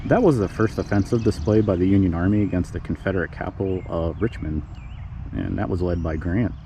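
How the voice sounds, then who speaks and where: Hushed, very deep-voiced man. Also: a little fast. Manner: hushed, speaking quietly so as not to wake the neighbours. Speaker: vlog host narrating cemetery history. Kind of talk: casual narrated history tour. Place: outdoors in a small neighbourhood cemetery. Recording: slightly muffled, outdoor background noise.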